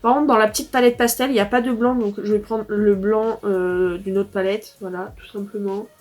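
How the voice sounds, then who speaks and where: Teen girl from France, casual beauty vlogger, chatty and rambling, mid pitch, faint music under. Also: steady tone, normal speed, a little mellow. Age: teens. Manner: chatty, rambling with fillers and restarts. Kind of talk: casual makeup review.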